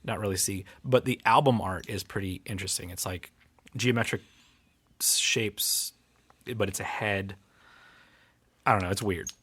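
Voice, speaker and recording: A man's voice: fairly low pitch, unhurried, pauses often, a bit bright, slightly rough. A man co-hosting a music podcast, chatting loosely in a rambling way that keeps breaking off and restarting. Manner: rambling, self-interrupting, laughs often. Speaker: podcast co-host and guitar teacher. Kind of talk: casual chat about music. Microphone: studio mic, recorded in home studio software.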